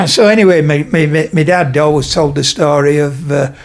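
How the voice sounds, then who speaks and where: With a slightly high voice, vocal fry, fairly even intonation and normal speed, a man around seventy from Leeds, England, tells meandering stories. He's a retired tradesman and podcast guest being interviewed casually at home, and he leans heavily on fillers while digressing.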